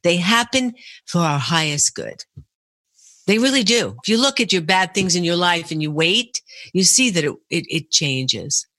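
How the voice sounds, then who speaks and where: A woman's voice: lowish voice, lively intonation, normal speed, sharp tone, dry recording. A woman guest on a radio show talking conversationally, giving earnest, emphatic advice in short phrases.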